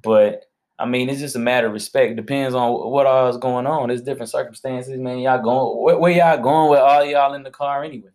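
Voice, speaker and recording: A man co-hosting a marriage podcast with his wife, talking in a relaxed, slangy, upbeat way. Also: mid-range voice, fairly quick. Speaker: podcast co-host. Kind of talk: casual chat.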